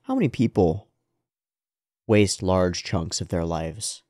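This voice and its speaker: A man with a fairly deep voice delivers casual commentary as a reaction host. He talks in an animated, sweary way and repeats phrases for emphasis. The sound is dry, with little room echo. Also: takes it slowly. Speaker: host of an anime reaction show.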